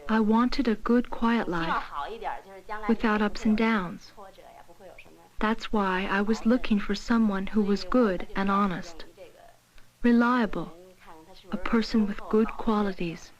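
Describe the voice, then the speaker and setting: A woman giving measured interview answers about her own life. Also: mid-range voice, steady tone. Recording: dull, muffled documentary sound.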